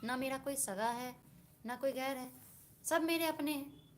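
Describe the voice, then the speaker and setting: A woman's voice: high-pitched, measured pace, a little hiss or hum. A woman giving a devotional discourse, reasoning earnestly and asking her listeners rhetorical questions. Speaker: spiritual speaker.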